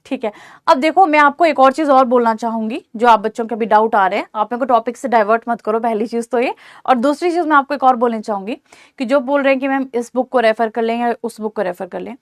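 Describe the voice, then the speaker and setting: High-voiced woman teaching an online class. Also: fast talker, dry recording, studio quality. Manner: reassuring, repeats "theek hai" to check understanding. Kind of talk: online exam-prep lecture.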